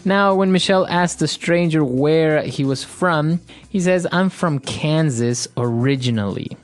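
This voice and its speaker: A man's voice: fairly high pitch, a little slow. A man from Ecuador hosting an English lesson podcast, explaining phrases with everyday examples. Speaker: podcast host, English teacher.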